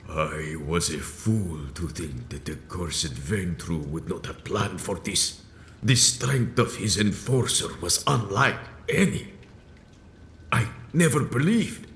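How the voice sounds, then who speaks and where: An extremely deep-voiced old vampire leader, wounded, grandiose and bitter. He talks slowly and theatrically, as in a dark video game, with a roomy echo around him. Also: full character voice. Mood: anguished, bitter. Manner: slow, grave, theatrical, archaic formal phrasing. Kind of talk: dramatic video game voice acting. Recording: echoey room with faint noise.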